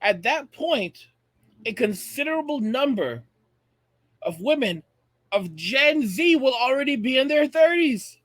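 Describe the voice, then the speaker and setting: In a close, dry recording with no room sound, a high-voiced American man in his late thirties gives opinionated commentary to his viewers, video-host style. His delivery is sing-song and measured, fairly bright in tone, emphatic and full of phrases repeated for effect.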